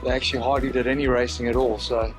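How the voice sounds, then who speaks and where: South African man, easygoing jokey vlogger, mid-pitched, faint music underneath. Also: level tone, fast talker. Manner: chatty, joking, self-deprecating. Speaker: travel vlogger. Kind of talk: casual vlog chat. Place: motorhome camp beside a racetrack, outdoors.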